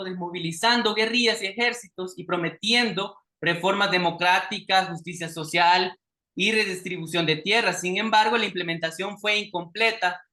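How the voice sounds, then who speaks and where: A man from El Salvador, speaking with a Salvadoran Spanish accent, delivers a formal, earnest prepared presentation as an invited speaker on a video call. His voice is high-pitched, pushed and bright.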